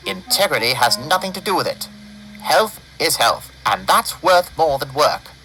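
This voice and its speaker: A man's voice: fairly high pitch, big pitch swings, normal speed, pushed and bright, soft background music, voice pushed up, rough recording. A man voicing a kind but stern older male steam engine in a storybook reading, scolding earnestly.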